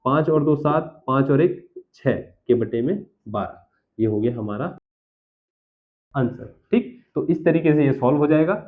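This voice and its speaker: In tinny, phone-like audio, a man with a slightly high, expressive voice works unhurriedly through a school math lesson. He talks himself through every step aloud and keeps checking in with the class with "theek hai sir".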